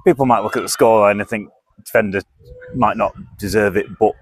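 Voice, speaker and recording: A man's voice: lowish voice, fairly even intonation, quick pace, no room sound. A man presenting a man of the match award for club radio, casual and saying "like" often. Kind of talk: post-match interview.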